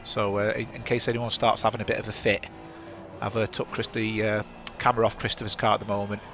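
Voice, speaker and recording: A chatty man hosts a sim racing stream on a headset, rambling through live race commentary over the action and correcting himself as he goes. His lowish voice is flat and fast, with music playing underneath.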